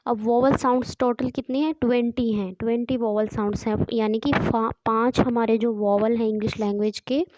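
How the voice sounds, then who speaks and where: Indian woman teacher, higher voice with a warm, mellow tone, patient step-by-step explainer, dry close sound. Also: fairly even intonation, brisk, hardly any pauses, no room sound, lo-fi sound. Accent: Indian English. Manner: patient, step-by-step, repeats key points. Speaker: English teacher. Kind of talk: classroom lesson explanation.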